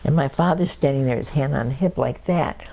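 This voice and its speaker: Chuckling often, an older woman from Cleveland, Ohio, USA, briskly recounts family stories during an oral history interview. Her voice is very deep, and the recording quality is low.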